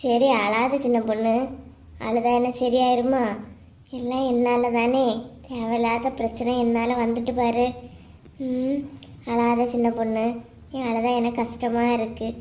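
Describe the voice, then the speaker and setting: Comforting older-sister friend, Kanyakumari accent. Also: female voice, high voice, unhurried, mellow, reverberant. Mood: soothing. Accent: Kanyakumari Tamil. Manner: soothing, then indignant. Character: caring older woman friend, comforting and fiery. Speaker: cartoon character. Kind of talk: cartoon voice acting.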